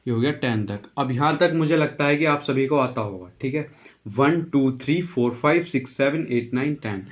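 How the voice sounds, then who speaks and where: Speaking at a moderate pace in a mid-range voice with lively intonation, this English teacher runs a relaxed lesson. He spells each word letter by letter, says every pronunciation twice, and keeps asking "okay."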